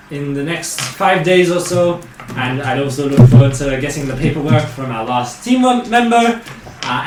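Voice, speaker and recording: A man playing a formal military recruiting officer. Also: fairly high pitch. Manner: measured, many "uh" pauses. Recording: roomy, distant mic, faint noise.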